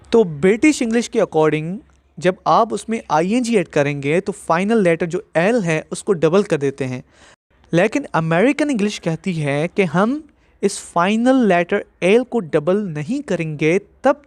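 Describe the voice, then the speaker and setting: Man, grammar teacher, slow deliberate explanations, dry close sound. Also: sits high, dry recording. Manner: slow, deliberate, spells out rules step by step. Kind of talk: explaining grammar rules in a lesson.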